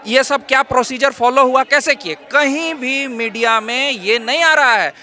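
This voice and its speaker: A man's voice: extremely high pitch, moderate pace, pushed and bright, soft background music. A man, a protesting exam candidate, arguing his point with rhetorical questions in a street interview outdoors.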